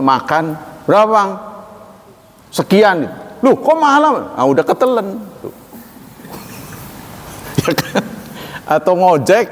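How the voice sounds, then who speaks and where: Preacher, man, casual lively sermon voice, acts out exchanges; hall reverb. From Indonesia. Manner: lively, acts out dialogues with animated pitch jumps. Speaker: Quran teacher.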